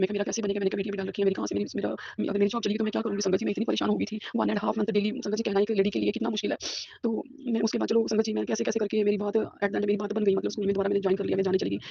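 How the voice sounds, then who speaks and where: A woman's voice: medium pitch, gravelly, a little mellow, breathy edge, no echo, dull audio. A woman, a school teacher giving an earnest devotional testimony. She repeats herself often and mixes English words into her speech, recorded on a phone at home. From Punjab, India. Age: 50s. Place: a room at home.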